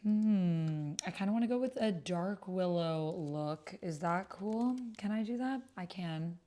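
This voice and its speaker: While hosting an online roleplaying game on stream, a woman talks casually at a measured pace in a mellow, fairly low voice. She thinks out loud during play and now and then mutters to herself.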